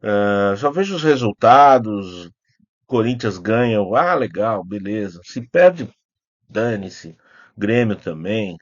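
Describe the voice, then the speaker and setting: Animated yet slow-paced, a Brazilian man with a fairly low voice hosts a casual YouTube vlog as a film critic, answering comments unscripted. He rambles and hesitates, often correcting himself, in a recording with no echo and the highs cut off.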